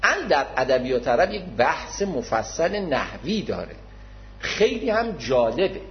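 A man gives an explanatory religious lecture, patient and formal, often repeating his key terms. His voice sits fairly high for a man. The recording is dull and lo-fi. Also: big pitch swings, a little hiss or hum. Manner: modest, addresses listeners formally.

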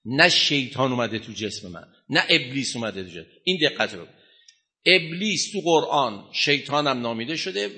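A man's voice: mid-range voice, sharp tone. A man giving an emphatic religious lecture, quizzing his listeners, dictating notes and chanting scripture in Arabic. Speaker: religious teacher.

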